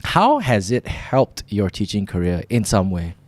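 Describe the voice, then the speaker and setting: A young man hosting a casual podcast chat, lively, often stumbling over his words and acting out quotes in a high voice. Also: unhurried, dry recording. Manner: animated, acts out quotes in a high voice, many restarts. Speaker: podcast host.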